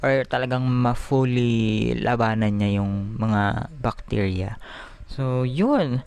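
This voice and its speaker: A Filipino vlogger chatting casually in Taglish, giggly and animated, talking with missing front teeth. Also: medium pitch, slow, clean tone, dry recording. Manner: talks with missing front teeth after an extraction; Taglish, mixing English phrases into Tagalog. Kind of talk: casual chatty daily vlog.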